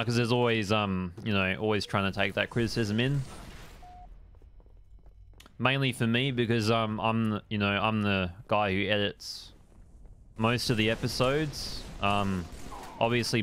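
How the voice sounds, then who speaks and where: A man's voice: fairly low pitch, fairly bright tone, a little hiss or hum. Laid-back man streaming a game. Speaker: gaming live streamer. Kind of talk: casual live-stream chat while gaming.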